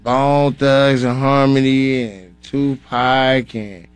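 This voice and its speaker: A man's voice: medium pitch, steady tone, slow, clean tone, dry recording. A male rapper in his thirties, a radio guest from Minnesota, talking casually and laid-back with lots of slang. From Minnesota, grew up in Atlanta. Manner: laid-back, slangy, says "you know what I'm saying" often. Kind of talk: casual interview.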